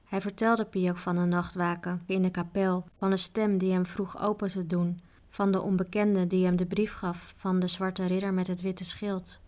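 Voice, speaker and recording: Woman narrator, storybook, calm, flat delivery. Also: on the low side, moderate pace. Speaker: audiobook narrator.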